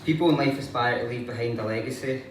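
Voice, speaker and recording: A man's voice: mid-range voice, fast. Solemn young man reading, very echoey room. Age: young adult. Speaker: grandson giving a eulogy. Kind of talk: eulogy read to a gathering. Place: large echoey room before an audience. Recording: echoey, distant, noisy room recording.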